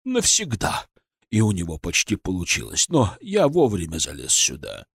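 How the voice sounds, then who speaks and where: A man voicing the frightened ghost of an old official in an audiobook, talking in a higher, slow, pleading way. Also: huge pitch swings, husky, no room sound, clean studio sound, exaggerated voice. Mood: secretive. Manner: pleading, drawn-out, fearful. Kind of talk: audiobook character voice.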